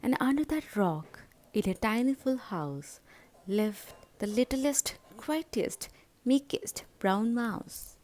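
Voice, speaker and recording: A woman storyteller reading a children's story aloud in a dramatic, expressive manner. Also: a little high, takes it slowly.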